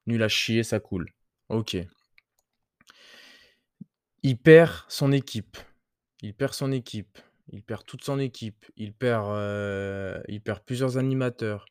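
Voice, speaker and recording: A man's voice: lowish voice, slow, pauses often, darkish tone, clean tone, no room sound, studio quality. A man hosting a casual motivational podcast, talking loosely with crude slang and many hesitations. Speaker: podcast host.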